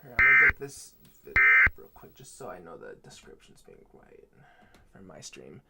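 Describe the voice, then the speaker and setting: A man's voice: deep voice, sing-song, normal speed, creaky, heavy background noise. A drunk man giving casual live reaction commentary from his room, rambling, swearing and stumbling over his words. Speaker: live streamer reacting to a video.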